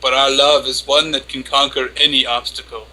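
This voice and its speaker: A man's voice: medium pitch, level tone, moderate pace, bright, forceful tone, low-quality recording. A man giving a hammy, theatrical dramatic reading as a lovestruck, flustered and obsessively devoted young anime woman. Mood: dreamy, devoted. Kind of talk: dramatic reading of an internet post.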